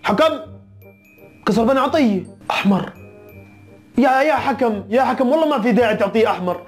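A man doing casual football chat as a YouTuber, teasing and mock-scolding in an animated way. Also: extremely high pitch, fairly quick, soft background music. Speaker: football YouTuber reacting to results.

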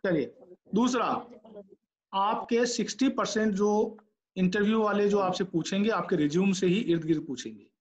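A man's voice: high voice, moderate pace. A middle-aged man lecturing students on job interviews, coaching them directly and acting out sample candidate answers. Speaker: lecturer giving interview tips. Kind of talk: classroom lecture in Hindi mixed with English. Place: classroom with students.

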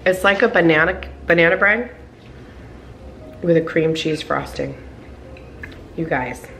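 A woman's voice: sits low, unhurried, gravelly, fairly bright tone, a little hiss or hum. Gushing chatty woman in her kitchen. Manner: gushing and chatty, often saying "like" and "oh my goodness". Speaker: cooking vlogger. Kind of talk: casual cook-along narration. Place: home kitchen, indoors.

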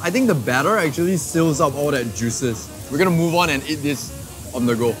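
A man's voice: fairly high pitch, lively intonation, brisk. Eager man tasting food, music behind. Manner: enthusiastic, chatty while eating. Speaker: food vlogger host. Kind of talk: casual food vlog chat. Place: busy outdoor night market.

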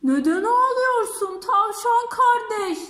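A woman voicing a big, boastful elephant in a children's story, speaking loudly and slowly with pride. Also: very high-pitched, lively intonation, reverberant, pitched above the performer's own voice, full character voice. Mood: proud. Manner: loud, slow, proud declaring.

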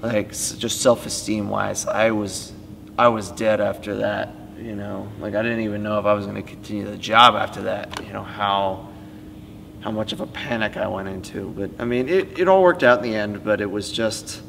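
Teen male, rambling casual storyteller, low-pitched, recorded in a reverberant hall. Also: normal speed, vocal fry. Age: late teens. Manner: rambling, heavy use of "like" and "you know". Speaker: student stage tech interviewee. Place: empty school auditorium. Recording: reverberant auditorium, faint hum.

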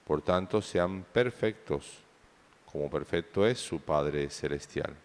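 A priest's deep, unhurried voice carries through a large church. Each measured phrase trails off into a long cathedral echo, the sound of a liturgy in a stone nave. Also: male voice. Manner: slow, measured proclamation. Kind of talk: liturgical reading and homily.

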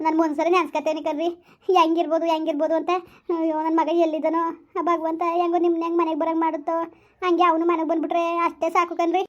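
A woman's voice: very high voice, monotone, fast talker. A woman playing an anxious village wife who keeps asking after her lost son, in a pleading, repetitive way. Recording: dull lo-fi recording.

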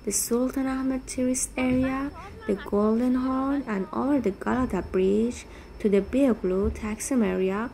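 A woman hosting a walking tour video, reading a scripted travel narration in an even, gentle manner as a voice-over. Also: a little high, unhurried, creaky, poor audio. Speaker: walking tour vlog host.

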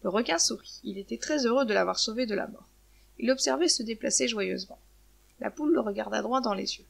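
Sex: woman. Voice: gravelly, fairly high. Style: storybook narration. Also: a little fast.

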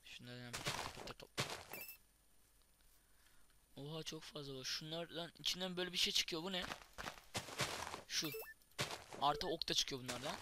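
A young man giving casual, excitable commentary while playing a block-building game, thinking aloud and exclaiming at each thing he finds. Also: on the high side, normal speed, pauses often, heavy background noise. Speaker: gaming YouTuber. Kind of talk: casual Minecraft let's play commentary.

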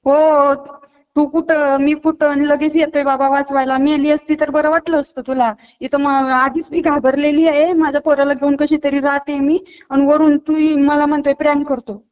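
A woman's voice: sits high, flat delivery, normal speed. A woman on a phone call, panicked and pleading, later scolding the caller. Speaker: prank call target.

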